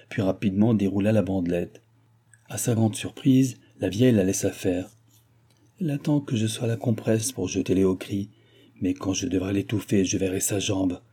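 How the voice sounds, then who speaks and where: A man reading a classic novel aloud in measured literary narration. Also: lowish voice, warm tone, slightly rough. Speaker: audiobook reader. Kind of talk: scripted narration.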